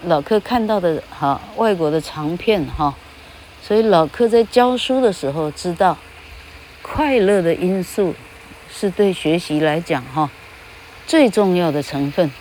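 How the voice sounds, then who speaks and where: A woman's voice: fairly low pitch, a little slow, a little mellow, a little hiss or hum. An older woman, a retired English teacher giving a casual spoken monologue, speaking of herself in the third person and tagging her phrases with little "ha" sounds.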